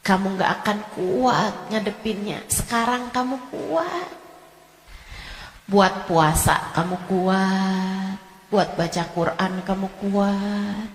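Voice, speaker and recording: A woman preacher giving a sermon, repeating her exhortations and building up to shouting. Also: mid-range voice, slow pace, slight background noise. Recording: echoey hall reverb.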